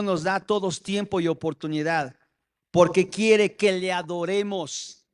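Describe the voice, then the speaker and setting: High-voiced Mexican pastor preaching. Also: male voice. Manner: storytelling, repeatedly addressing listeners as brother. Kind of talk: sermon.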